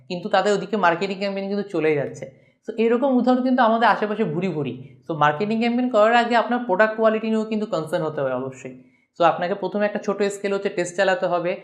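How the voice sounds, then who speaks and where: A woman with a Bangladeshi accent giving an online lecture, explaining briskly and mixing in English terms. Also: on the low side. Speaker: course instructor.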